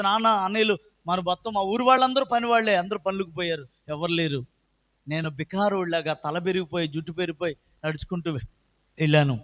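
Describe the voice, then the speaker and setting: A middle-aged man giving an earnest personal testimony at church, his voice swelling loud and high at moving moments. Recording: echoey hall with long reverb.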